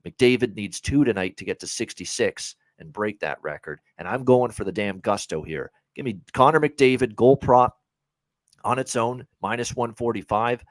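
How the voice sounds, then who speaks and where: Low voiced guy rattling off hockey picks on a podcast, lots of uhs, dry sound. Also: animated, normal speed, no room sound, poor audio. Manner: chatty, many "uh" fillers, upbeat picks. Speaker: sports betting podcast host. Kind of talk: casual betting talk.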